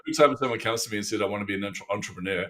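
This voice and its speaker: A man from New Zealand, a neuromarketing coach guest on an interview, telling stories in a casual, animated way and acting out the exchanges he quotes. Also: fairly low pitch, rapid-fire.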